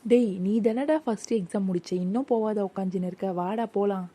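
A dark, mellow cartoon voice that talks fast, as a woman acts out a boy. He is a cheeky schoolboy, forever needling and mocking his classmates. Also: mid-range voice, natural voice. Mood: teasing. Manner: teasing, mocking. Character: joking teenage schoolboy. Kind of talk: cartoon voice acting.

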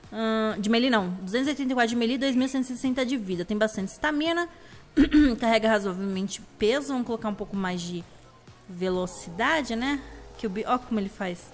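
A young Brazilian woman talks through her gameplay in a casual, chatty flow. Her voice sits a little high and a little hoarse, and she breaks into sudden shrieks when the action spikes. Soft game music plays faintly behind her. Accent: Brazilian Portuguese. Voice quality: slightly hoarse. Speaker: gameplay video host. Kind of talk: casual let's-play commentary.

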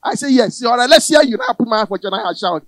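A man with a Nigerian accent doing stand-up comedy in Pidgin and English on a cinema stage. He talks loud and punchy, shouts his punchlines and slips into the voices of the people in his stories. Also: very high-pitched, lively intonation, racing, no echo, clean studio sound. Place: cinema hall stage with a live audience. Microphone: handheld mic. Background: audience laughter.

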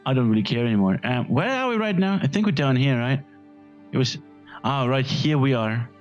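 A man's voice: mid-range voice, lively intonation, fairly quick, muffled recording, soft background music. A man hosting a let's-play, giving casual, crude running commentary full of swearing and jokes. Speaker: gaming channel host.

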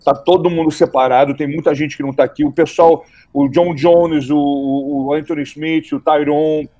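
A man's voice: a little high, steady tone, moderate pace, mellow. Man joining a panel remotely. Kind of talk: casual chat.

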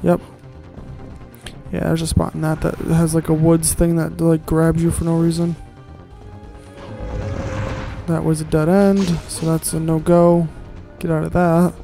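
Guy doing let's play commentary, grumbles and swears, soft mellow voice over game music. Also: on the high side, completely flat delivery, normal speed, vocal fry, low-quality recording. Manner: grumbling, sarcastic, swears casually. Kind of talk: casual gameplay commentary.

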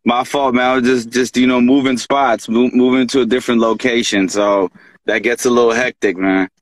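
A man who grew up in Pakistan, a rapper guest in a casual livestream chat, talking in a relaxed, easygoing way with lots of "you know" and "man". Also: mid-range voice, fairly quick, no echo, low-quality recording. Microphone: video call.

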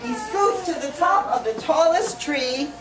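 A woman reads a storybook aloud to children in an expressive, fairly high voice, stopping to ask her listeners questions. She is heard from a distance in an echoey room, with steady noise behind her. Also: a little slow. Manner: expressive, asks the audience questions. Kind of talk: reading a picture book aloud to children.

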